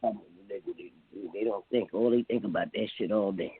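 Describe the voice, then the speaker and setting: A man calling in to a radio show, mumbling rambling remarks over a muffled, bass-heavy phone line that keeps breaking up. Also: normal speed, slightly rough, dry recording. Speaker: caller. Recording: muffled tinny phone line, far from mic.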